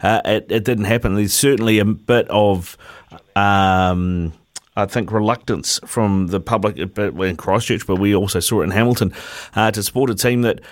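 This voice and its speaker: A man's voice: on the low side, fairly even intonation, normal speed. A New Zealand man hosting sports talkback, chatting casually and colloquially in a matey way on a studio mic. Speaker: sports talkback radio host. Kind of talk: casual live radio chat. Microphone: radio studio mic.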